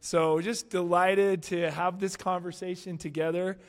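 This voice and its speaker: An upbeat man hosting a panel and introducing his guests with enthusiasm. His voice sits a little above the usual male pitch, and a long reverb carries it, as in a large hall. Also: little pitch movement, unhurried. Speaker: podcast host introducing guests. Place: conference hall.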